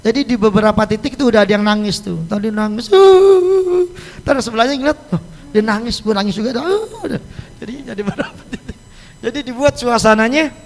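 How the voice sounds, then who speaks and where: A man with a Jakarta Betawi accent preaches a relaxed sermon, joking and chatting with his congregation. His voice sits high for a man and has a gravelly, creaky edge. The sound rings out in the long reverb of a mosque hall. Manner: chatty and joking, laughs at his own stories. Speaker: Islamic cleric teaching a weekly study circle. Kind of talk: casual sermon on a religious book.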